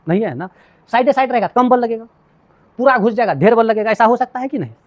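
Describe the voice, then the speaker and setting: A man's voice: extremely high pitch, lively intonation, quick pace, lo-fi sound. A male physics teacher, lecturing a class. He keeps asking students whether they have understood and explains with homely everyday examples. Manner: asks repeated check questions to students.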